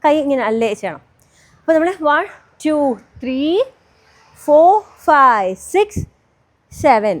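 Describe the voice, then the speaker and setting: A woman teaching a dance step by step, counting beats aloud and singing song lines slowly as cues. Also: high-pitched, animated.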